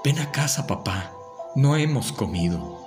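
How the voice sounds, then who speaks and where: A man's voice: on the low side, lively intonation, fairly quick, pitched above the performer's own voice, natural voice. A man voicing a grieving six-year-old boy who begs his father to come home, in a plaintive, tearful way. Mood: pleading. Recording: voice over loud music.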